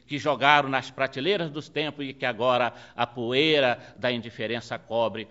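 A man voicing Jesus calling on a disciple in a solemn, tender, measured way. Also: medium pitch, steady tone, sharp tone, dull audio, pitched below the performer's own voice, close to an everyday voice. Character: the Lord Jesus, male, calling gently.

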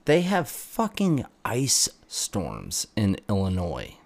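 Man, low voice, profane, joking, blunt, casual podcast chat. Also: wildly swooping pitch, slow pace, gravelly. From Utah. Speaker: podcast guest, bartender.

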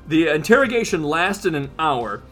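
A man's voice: fairly high pitch, big pitch swings, normal speed, a bit bright. A man co-hosting a podcast, casually recapping and narrating a comic. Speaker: podcast co-host.

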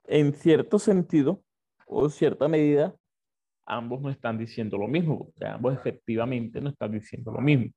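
A man teaching a Bible lesson, explaining slowly and often repeating and correcting himself. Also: medium pitch, vocal fry, dark tone, breathy edge.

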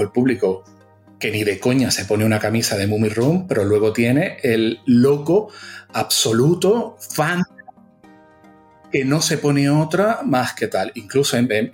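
A man's voice: medium pitch, a little mellow. Enthusiastic man with Venezuelan-Canarian accent. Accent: mixed Venezuelan and Canarian Spanish. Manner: enthusiastic, frequent tag questions. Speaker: guest, agency founder. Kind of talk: casual interview.

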